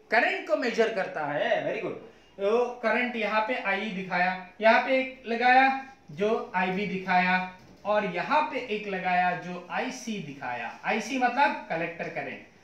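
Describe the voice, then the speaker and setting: A man's voice: high-pitched, fairly bright tone. A man teaching physics in a lecture, often asking his students questions and mixing English terms into his talk. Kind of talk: classroom lecture. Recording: echoey room.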